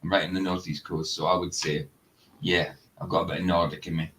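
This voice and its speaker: A Scottish man hosts a livestream in loose, rambling chat. He laughs easily and wanders through his thoughts. His voice sits on the lower side. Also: little pitch movement, fast, fairly bright tone, a little hiss or hum. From northeast Scotland. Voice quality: chatty and rambling, laughs often. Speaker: livestream host. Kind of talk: casual chat.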